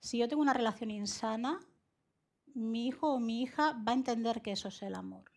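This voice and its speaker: A woman psychologist answering interview questions in a measured, explanatory way, often laughing, from Spain. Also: a little high. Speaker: psychologist guest.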